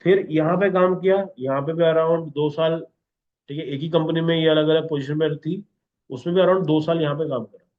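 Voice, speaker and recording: A man's voice: a little high, steady tone, moderate pace. Man teaching a class, dull lo-fi sound. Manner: instructive, repeats 'okay?' constantly. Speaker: instructor. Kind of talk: classroom lesson.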